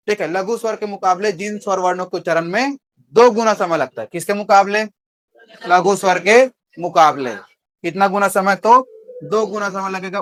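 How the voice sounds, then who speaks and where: With a high, slightly bright voice, a young teacher with a Chhattisgarhi Hindi accent takes a class through Hindi grammar. He puts questions to the students and answers them on his own, captured in a dry, clean studio recording.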